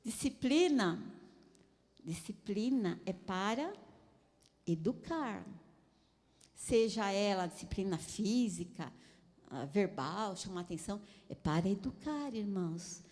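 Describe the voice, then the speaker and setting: A woman's voice: mid-range voice, expressive, takes it slowly, pauses often, darkish tone, long reverb tail. A woman with a Brazilian Portuguese accent giving a conversational church talk on parenting, chatty, laughing often and asking listeners for agreement. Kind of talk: conversational sermon with personal stories.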